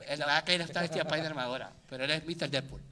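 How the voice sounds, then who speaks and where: Male co-host, bright tone, lively storyteller with many restarts. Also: on the high side, very fast. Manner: animated, acts out his own reactions, many restarts. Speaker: podcast co-host. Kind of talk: casual chat.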